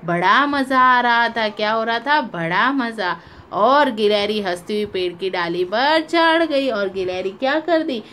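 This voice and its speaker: A woman's voice: mid-range voice, expressive, measured pace, a bit bright. A woman teaching young children, reading a story aloud and repeating questions for her pupils. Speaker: primary school teacher.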